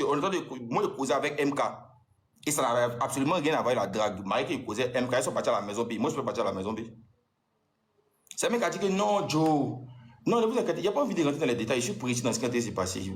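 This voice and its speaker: Fast-talking agitated Ivorian man. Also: medium pitch, reverberant. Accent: Ivorian French. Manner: agitated and accusing, repeating himself. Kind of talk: heated personal account addressed to an ex.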